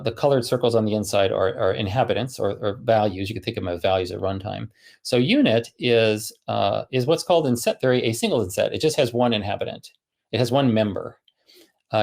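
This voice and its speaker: Gravelly-voiced man giving a tech talk. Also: lowish voice, darkish tone. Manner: thinking aloud, frequent fillers and restarts. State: running out of breath. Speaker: conference speaker. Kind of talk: technical conference talk.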